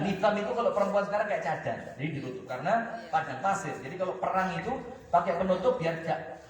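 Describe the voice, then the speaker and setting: East javanese guy preaching outdoors, animated storytelling, high lively voice, big echoey hall sound. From East Java, Indonesia. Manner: animated storytelling, quizzing the audience. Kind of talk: sermon. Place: outdoor mosque courtyard. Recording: echoey loudspeaker from far off.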